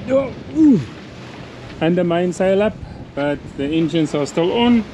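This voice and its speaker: A man's voice: sits high, lively intonation, measured pace. A man in his fifties, a solo sailor, explaining things casually with restarts and chuckles, filming himself with a hand-held camera on a sailing catamaran at sea. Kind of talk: casual vlog. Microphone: camera held at arm's length. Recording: loud wind and boat noise. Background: wind, water and engine noise.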